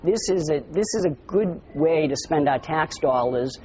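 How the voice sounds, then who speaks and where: Measured man citing figures in a debate. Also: a little high, expressive, warm tone, lo-fi sound, slight background noise. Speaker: advocate for an anti-repeal committee. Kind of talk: televised debate.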